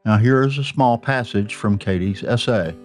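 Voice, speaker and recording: A man from North Georgia with a North Georgia Southern accent, giving a measured, earnest scripted narration as a magazine editor. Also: mid-range voice. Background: faint guitar music.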